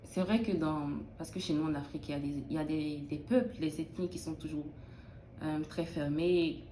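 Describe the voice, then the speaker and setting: A woman's voice: sits low, steady tone, normal speed, mellow, reverberant, slight background noise. A young woman from Benin, a student in early childhood education, answering interview questions in a thoughtful, hesitant way with many restarts.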